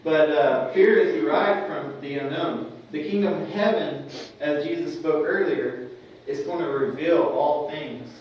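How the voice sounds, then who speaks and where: In a church classroom, a young man leads a Sunday school lesson in a relaxed, conversational style, repeatedly looking for the class's agreement. His voice is fairly high and his pace measured, with few pauses. The lo-fi recording was made at a distance in an echoey room.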